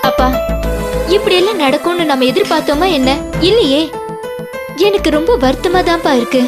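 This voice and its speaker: A troubled young woman pours out her worry to her father in a TV serial. Her voice is high, and a clear music score plays underneath. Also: lively intonation, a little fast. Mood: sorrowful. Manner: sorrowful, worried. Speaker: daughter. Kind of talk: TV serial acting.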